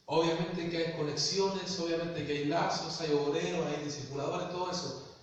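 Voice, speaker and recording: Pastor guy preaching, kinda high voice, lots of echo, faint room noise. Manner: asks the congregation questions. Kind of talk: sermon. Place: church hall. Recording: echoey hall from far off.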